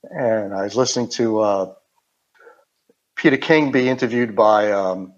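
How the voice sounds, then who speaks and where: An older man from New York with a Queens accent, explaining technical matters informally as a guest, haltingly and with digressions. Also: on the low side. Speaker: interview guest. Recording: dull, band-limited audio.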